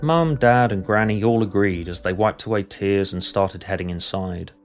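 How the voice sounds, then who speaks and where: A man reading a scripted story in a deadpan, matter-of-fact way. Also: lowish voice, normal speed, soft background music. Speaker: narrator. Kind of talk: scripted narration.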